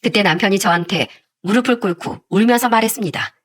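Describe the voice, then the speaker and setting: A woman recounting her own story in first person, in a steady, plain-spoken way. Her voice sits at a middling pitch, and her delivery stays calm and even as she narrates. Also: fairly quick.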